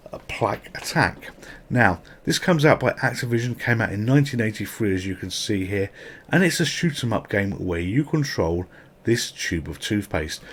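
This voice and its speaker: Husky man chatting about retro games. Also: lowish voice. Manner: chatty, swears casually. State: sore mouth from toothache. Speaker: retro gaming channel host. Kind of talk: casual gameplay commentary.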